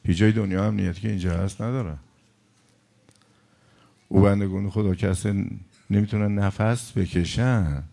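A man preaching a sermon, passionate, moving between loud outbursts and hushed storytelling. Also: fairly low pitch, fairly even intonation, creaky, pauses often.

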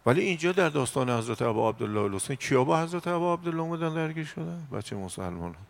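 A man preaching a sermon, swinging from loud exhortation down to low murmurs and back. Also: lively intonation, creaky.

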